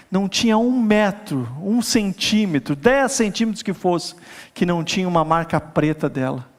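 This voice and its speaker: Middle-aged pastor, high voice, lively storytelling sermon that builds to an urgent appeal. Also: male voice. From Brazil. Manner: animated, laughing storyteller who builds to a rising appeal.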